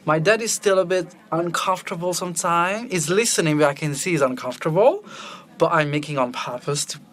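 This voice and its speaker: A Belgian film director whose first language is French talks candidly and animatedly about his life as a guest, laughing easily in a personal conversation. His voice sits on the high side, a bit bright, and he speaks briskly.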